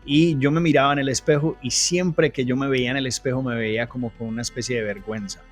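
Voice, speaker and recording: A man's voice: mid-range voice, steady tone, fast talker, soft background music. A man telling his personal testimony in an interview, earnest and full of restarts. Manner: earnest storytelling, frequent restarts.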